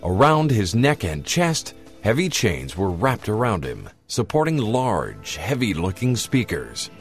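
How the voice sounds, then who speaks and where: Low-voiced, lively male story narrator. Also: a little slow, faint music behind.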